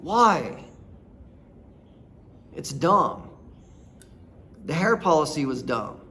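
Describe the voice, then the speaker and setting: Telling his own stories casually, this rural Nebraska host in his thirties comes across blunt, folksy, and rambling. His voice is somewhat high and sharp-toned, sing-song, and very slow.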